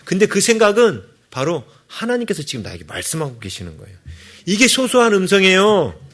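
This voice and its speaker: A man preaching a sermon as pastor, with an animated delivery that keeps asking the congregation to agree. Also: high voice, brisk. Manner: animated, acts out quoted voices, asks the congregation for agreement.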